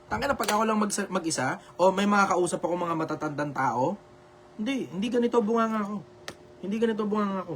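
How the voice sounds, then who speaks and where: Loud Filipino show host, high voice, blunt and repetitive, swears freely. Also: male voice, slight background noise. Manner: says he speaks loudly on purpose for social media. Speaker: live show host answering viewer questions. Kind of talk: loud, preachy live advice talk. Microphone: video call.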